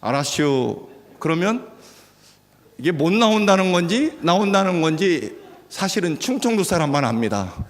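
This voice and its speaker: A male pastor delivers a sermon in a church sanctuary, his voice ringing with a long hall reverb. His delivery is lively in pitch, rising to loud, stirring exhortation and then dropping to near-whispered emphasis. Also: moderate pace. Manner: dramatic swings between loud exhortation and hushed delivery.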